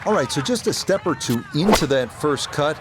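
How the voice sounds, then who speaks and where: A man's voice: a little high, lively intonation, normal speed, natural voice. A man playing a lead golf commentator in a video game, giving television-style commentary on play. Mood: measured. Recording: music and crowd noise behind. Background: loud music, outdoor golf crowd.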